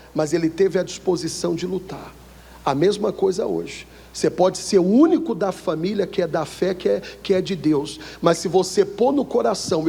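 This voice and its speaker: A male Brazilian pastor preaching a sermon, often pausing to let the congregation finish his sentences, reading scripture slowly and with emphasis. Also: high-pitched, creaky, darkish tone, breathy edge. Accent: Brazilian Portuguese. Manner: call-and-response questions to the congregation. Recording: echoey hall with long reverb.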